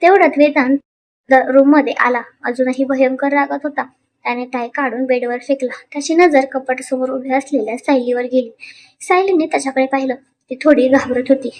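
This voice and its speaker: High-voiced woman narrating a story. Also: fairly even intonation, brisk.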